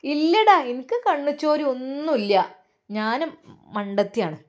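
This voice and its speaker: A woman plays a sharp-tongued mother with a Malappuram accent, her voice pushed high and loud as she snaps back curt, dismissive retorts. She scolds her son with cold impatience in this spoken story. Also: expressive, a little fast. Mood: scolding. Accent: Malappuram Malayalam.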